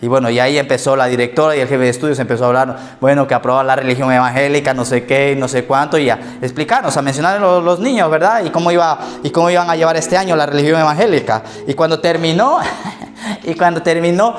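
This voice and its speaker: A man's voice: on the high side, steady tone, fast talker. A man preaching a sermon as pastor of a church, telling stories about himself with humor. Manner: storytelling with self-mocking anecdotes and laughter. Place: church service.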